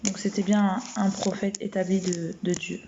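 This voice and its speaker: A woman with a gentle, warm voice chats on a late-night live stream from home, speaking in an even tone that barely rises or falls. She talks hesitantly, with many fillers and restarts. The phone recording sounds a little dull and muffled. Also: medium pitch, normal speed, slight background noise. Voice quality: soft, warm voice. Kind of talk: casual live-stream chat and Bible reading.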